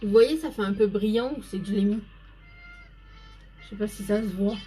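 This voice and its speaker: A woman's voice: medium pitch, moderate pace, warm tone, soft background music. A woman hosting a casual live makeup stream, chatting to viewers by name and explaining each step as she goes.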